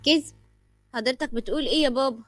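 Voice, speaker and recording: A woman's voice: high-pitched, racing, fairly bright tone, dry recording. A woman voicing an eager, worried young sister with an Egyptian Arabic accent.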